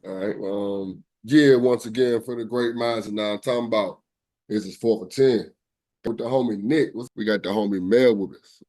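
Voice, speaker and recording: Host, man, easygoing slangy interviewer, warm and mellow tone. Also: lowish voice, normal speed. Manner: laid-back, repeats "okay, okay", street slang. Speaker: podcast host. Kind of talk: casual interview.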